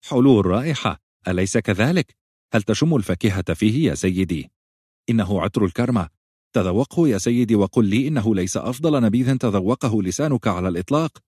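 This is a man voicing a sly wine merchant from a fantasy audiobook, all oily charm and ingratiating patter. He pushes his voice noticeably higher than the narrator's own and keeps a slightly husky edge. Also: lively intonation, rapid-fire, few pauses, darkish tone, dry recording, studio quality. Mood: fawning. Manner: ingratiating, overly friendly salesman patter. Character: wheedling male wine merchant, nervous and fawning.

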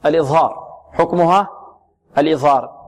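A man giving a radio lesson on Quran recitation, slowly repeating words to show the right sound, asking questions and answering them himself, and firmly correcting common mistakes. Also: on the high side.

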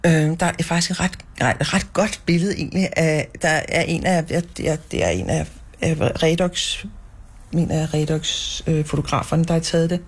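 Husky-voiced activist answering haltingly. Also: mid-range voice, steady tone. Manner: halting, with many restarts and fillers. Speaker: interviewee, political activist. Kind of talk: interview answers.

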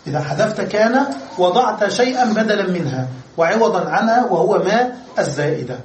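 A man's voice: high voice, expressive, fairly quick. A male Arabic grammar lecturer giving a classroom lesson, explaining step by step and checking that students understand. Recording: roomy echo, distant mic, faint noise.

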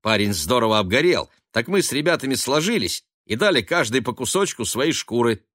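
A man voicing a loud, jovial young sailor son who talks in a hearty, boisterous way. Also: medium pitch, big pitch swings, a little fast, no room sound, clean studio sound, pitched above the performer's own voice. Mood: boastful.

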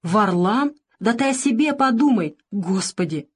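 A woman's voice: medium pitch, lively intonation, a little slow, breathy edge, voice pushed up. A woman reading the part of a frightened young woman who sobs and pleads on the phone, in an audiobook. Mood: pleading. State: sobbing.

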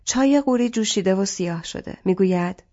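Woman narrating an audiobook calmly. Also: medium pitch, highs cut off. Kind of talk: scripted literary narration.

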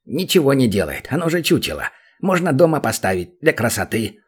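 A man's voice: medium pitch, very animated, fairly quick, breathy edge. A man voicing a small, rude male goblin guild master who whines and pleads, in an audiobook. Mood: whiny, pleading.

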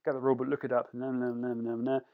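A man's voice: medium pitch, little pitch movement, fast talker, narrow, tinny audio. A man co-hosting a podcast over an online call, ranting in an exasperated, casual way. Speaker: podcast co-host. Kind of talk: casual chat.

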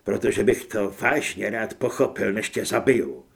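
A man's voice: on the low side, vocal fry, pitched below the performer's own voice. A man playing a furious cornered monster hunter. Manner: loud, threatening, swearing.

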